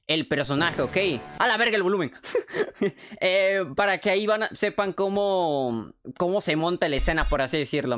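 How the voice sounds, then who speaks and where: Young Mexican male streamer, rapid casual chat, swears a lot, slightly high voice. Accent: Mexican Spanish. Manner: fast, excitable, swears freely.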